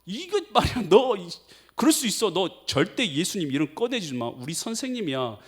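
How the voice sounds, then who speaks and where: A brash young disciple with a short fuse, as a preacher acts him out in a sermon. He barks orders and jeers in a voice that climbs high and swings wildly. He is loud and bossy, then proud of himself. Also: sing-song, drawn-out words, breathy edge, exaggerated voice. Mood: scolding. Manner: shouting, bossy, jeering. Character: hot-tempered young male disciple, brash and scolding.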